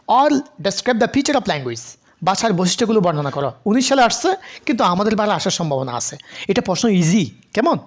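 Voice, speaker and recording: Guy teaching linguistics online, super lively up and down voice, keeps asking questions back. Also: sits high. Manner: animated, rhetorical questions, mixes English terms. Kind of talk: online lecture.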